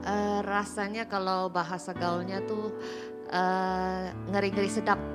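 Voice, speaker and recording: A woman's voice: medium pitch, little pitch movement, a little slow, loud music behind the voice. Chatty middle-aged woman telling stories. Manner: chatty, storytelling with quoted dialogue. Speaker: pastor's wife, guest. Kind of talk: casual testimony chat.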